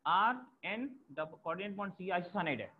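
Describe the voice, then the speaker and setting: A male chemistry teacher walks his class through the material step by step, repeating key terms so students can note them. His voice is high and animated at a normal pace, captured on a tinny, phone-like lo-fi recording.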